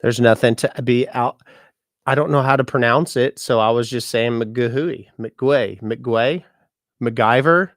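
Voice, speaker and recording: A man's voice: medium pitch, moderate pace, no room sound, studio quality. A man chatting casually to his vlog audience, rambling and self-deprecating. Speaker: musician and content creator.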